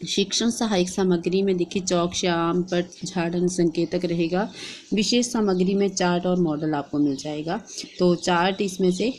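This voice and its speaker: A woman with a Hindi accent explaining a lesson plan step by step in a steady, instructive way, as a teacher-training vlogger. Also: lowish voice, normal speed, slight background noise. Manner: steady instructive delivery, reading out and dictating.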